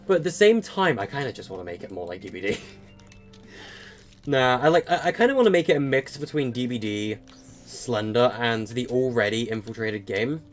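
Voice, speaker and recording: With lively intonation and a moderate pace, a mid-range male voice rambles through a live gaming stream, loosely answering viewers with many fillers and stutters. The speaker is eighteen, and faint music sits behind him.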